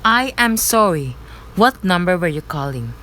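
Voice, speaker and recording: A woman's voice: lowish voice, big pitch swings, measured pace, fairly bright tone. A young woman in an amateur radio play, playing a courteous, by-the-book switchboard operator. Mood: polite, puzzled. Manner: courteous, procedural. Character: polite, formulaic telephone switchboard operator. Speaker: student actor. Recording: clear background noise.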